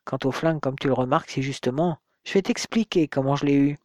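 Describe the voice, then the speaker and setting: A man's voice: mid-range voice, quick pace, darkish tone, no echo, natural voice. A man doing a sneering young schemer.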